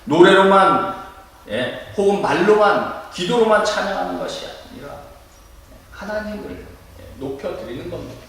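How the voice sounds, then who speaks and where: A male pastor preaching a sermon in a church, lively and demonstrative, acting out loud cries to make his point. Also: sits high, moderate pace, vocal fry, slight background noise. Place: church sanctuary. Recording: echoey room, mic at a distance.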